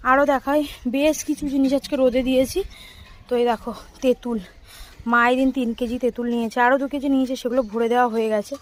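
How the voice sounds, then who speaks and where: A young woman chatting to viewers as she films her home and rooftop on a phone, out of breath from the heat. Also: high-pitched. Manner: chatty, addresses viewers directly. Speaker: family vlogger. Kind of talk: casual home vlog narration. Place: house and sunny rooftop, indoors and out.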